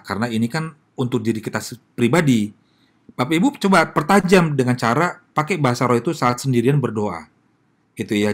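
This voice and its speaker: A man with an Indonesian accent, a pastor giving a casual sermon and answering questions, talking straight to his listeners with many tag questions. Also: mid-range voice.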